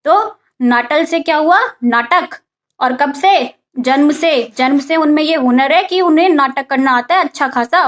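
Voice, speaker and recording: A woman's voice: high-pitched, a bit bright. A woman teaching English vocabulary in a casual spoken lesson, asking and answering her own questions. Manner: mixes English vocabulary into Hindi explanation.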